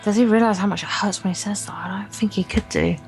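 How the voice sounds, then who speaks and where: A woman reads a visual novel's narration aloud as a guest in a casual let's play, now and then tripping over words. Her mid-range voice is steady, a bit mellow and fast, with the game's guitar music in the background.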